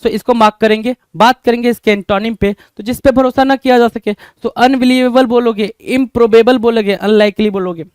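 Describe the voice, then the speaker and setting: A man's voice: very high voice, fairly even intonation, a little fast, few pauses, clean tone, no echo. A man with an Indian accent teaching English vocabulary in Hindi, repeating each question back to his students. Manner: repeats questions to students, calls them brother.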